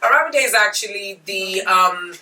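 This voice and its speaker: Animated woman radio host. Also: mid-range voice, moderate pace, roomy sound, recorded from a distance, low-quality recording. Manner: laughs often, animated. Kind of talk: lively studio chat. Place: radio studio.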